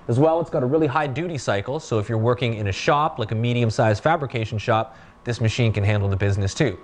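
In a workshop, a man in his thirties casually demonstrates a welding machine. He talks plainly and relaxed, using fillers, with a medium-pitched voice and a quick pace.

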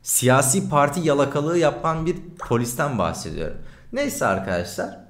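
A man streams as a journalist, giving indignant, animated livestream commentary over a video clip at a moderate pace. His pitch swings widely from high to low, and the room has a noticeable echo.

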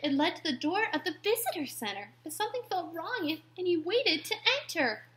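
A woman reading a rhyming children's story aloud, expressive and dropping to whispers at tense moments. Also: very high voice, fairly quick. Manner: expressive, drops to whispers for suspense.

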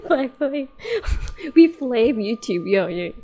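A woman's voice: on the high side, very animated, takes it slowly, warm tone, faint music behind. A woman chatting casually as she tests a voice assistant, giggling often between her questions. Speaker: streamer testing a voice assistant. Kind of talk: casual chat.

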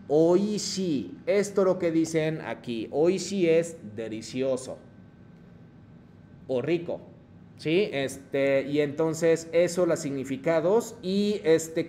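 In an online language lesson, a man teaches Japanese in Spanish, mixing Japanese phrases into his explanations and patiently checking in with the class often. His voice is fairly high and warm, with a little hiss or hum in the recording.

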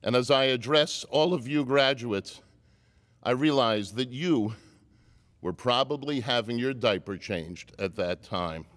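Male commencement speaker, wry and joking, mid-pitched, long hall reverb. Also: unhurried, fairly bright tone. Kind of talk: commencement speech.

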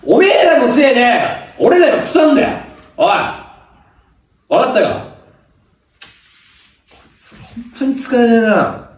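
A man acting a bossy high school senior athlete who barks rough orders at juniors in a comedy sketch. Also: very animated, unhurried, pauses often, full character voice. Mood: domineering. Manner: barking rough orders, berating. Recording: echoey room, mic from a distance.

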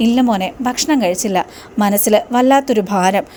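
A woman's voice: medium pitch, normal speed, a little mellow, a little hiss or hum, close to an everyday voice. A woman reading the lines of a kind elderly uncle who soothes and reassures. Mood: consoling.

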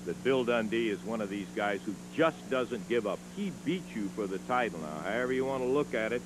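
A man's voice: lowish voice, animated, brisk. A man interviewing a wrestler on TV, with dry, unimpressed replies. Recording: hissy old TV broadcast.

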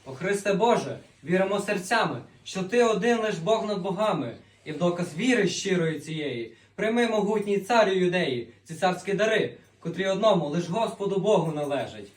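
Reverent travelling king played by a male, high-pitched formal verse in a Christmas play, roomy sound. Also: expressive, normal speed. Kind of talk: Christmas nativity folk play. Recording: echoey room, distant mic.

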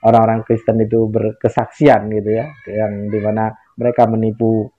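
A man's voice: lowish voice, completely flat delivery, moderate pace. A man hosting a channel, giving mocking commentary and often chuckling. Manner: mocking, laughs between phrases. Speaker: channel host. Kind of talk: commentary to camera. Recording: dull lo-fi sound.

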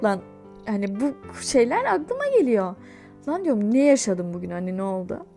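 This young woman has a medium-pitched voice with vocal fry and speaks at a moderate pace, soft music playing in the background. A YouTuber in her young adult years, she vlogs casually, chatting animatedly and laughing through a personal story.

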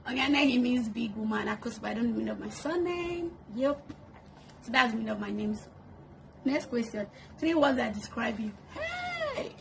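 A woman's voice: on the high side, vocal fry, noisy background. A woman in her twenties talking playfully to the camera in a get-to-know-me vlog, laughing often, recorded in her bedroom. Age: 20s. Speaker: YouTuber. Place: bedroom, indoors. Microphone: camera on a tripod in front.

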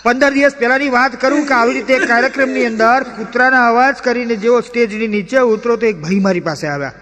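A male stand-up comedian and mimic telling animated comic stories on stage, switching into character voices. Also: very high voice, fast, crowd noise. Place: stage performance hall with audience. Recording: echoey hall reverb.

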